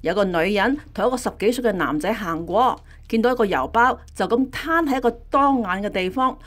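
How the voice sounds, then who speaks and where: A woman's voice: medium pitch, fairly quick. Wry woman telling news. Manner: wry, chatty, asks rhetorical questions. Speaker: news reporter. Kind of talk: colloquial scripted news storytelling.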